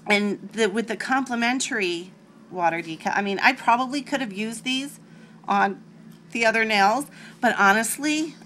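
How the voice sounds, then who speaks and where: A woman's voice: a little high, moderate pace, fairly bright tone, slight background noise. Chatty woman hosting a nail tutorial. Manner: chatty, rambling asides. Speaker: nail art tutorial host. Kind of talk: casual step-by-step tutorial.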